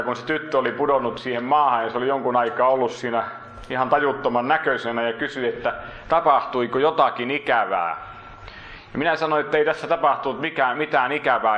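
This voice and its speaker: A man preaching a sermon in earnest, lifting his voice for emphasis and then dropping it low and slow. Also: a bit bright, reverberant, muffled recording.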